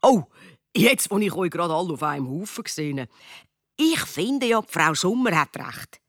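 Lady doing a friendly swiss teacher guy nudging the kids, lively. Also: fairly low pitch, moderate pace, no echo, clean studio sound. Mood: coaxing. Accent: Swiss German. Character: friendly grinning male teacher.

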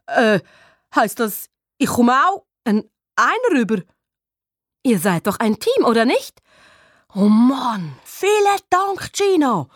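A woman voicing a cheeky, excitable schoolboy, stammering with fillers when nervous. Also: a little high, slow pace, pauses often, no echo, studio quality, pitched above the performer's own voice, heavily acted.

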